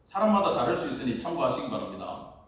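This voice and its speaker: A man's voice: medium pitch, very animated, quick pace. A male pastor preaching a Friday prayer service sermon, telling his own story and acting out his prayers and conversations. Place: church sanctuary. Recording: very echoey church hall, mic far off.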